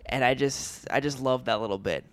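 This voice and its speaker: Clear-voiced chatty man on a podcast. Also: medium pitch, fairly quick, a bit bright. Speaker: podcast co-host. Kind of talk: casual movie podcast chat.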